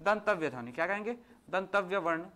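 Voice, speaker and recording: A male teacher giving an exam-prep grammar lesson, asking questions and answering them himself, and sounding out letters slowly one by one. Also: high-pitched, lively intonation, pushed and bright.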